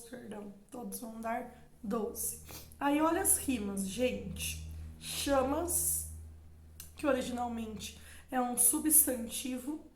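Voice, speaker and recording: Slow, high-voiced Brazilian woman teaching. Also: slight background noise. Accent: Brazilian Portuguese. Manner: explains slowly, addresses students directly, reads verse with emphasis. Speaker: literature teacher. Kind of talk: exam-prep literature lesson with poem reading. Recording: echoey room.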